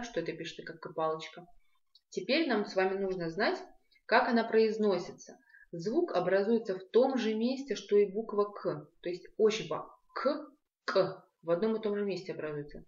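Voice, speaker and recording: A woman teaching a language lesson, patiently repeating sounds slowly and clearly. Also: lowish voice. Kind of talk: video lesson on pronunciation. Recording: echoey room, dull lo-fi sound.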